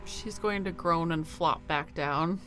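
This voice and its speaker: A woman's voice: sits low, slow. Casual woman playing a tabletop game, music behind. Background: background music.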